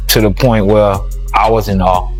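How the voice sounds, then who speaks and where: A man in casual interview talk, halting and repeating himself. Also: lowish voice, level tone, poor audio. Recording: music under the voice.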